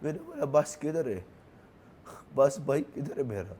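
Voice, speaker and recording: In an interview, a mourning young man tells what occurred through broken, hesitant, repetitive phrasing. He is from Khyber Pakhtunkhwa, Pakistan, speaks Pashto natively, and has a Pashto accent. His medium-pitched voice is expressive, mellow and husky.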